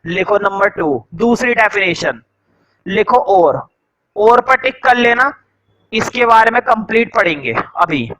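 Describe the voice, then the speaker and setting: A male teacher with a high, bright voice dictates notes at a slow, deliberate pace. He repeats each line several times and keeps quizzing the students with questions while he writes on the board. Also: animated, lo-fi sound. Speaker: science teacher. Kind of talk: classroom lecture, dictating notes. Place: classroom with a board.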